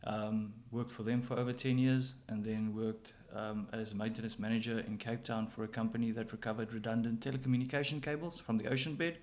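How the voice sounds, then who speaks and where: A man's voice: mid-range voice, fairly even intonation, brisk, hardly any pauses, a little mellow. Male, middle-aged, South African accent, mid-range voice, casual interviewee manner. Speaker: general manager interviewee.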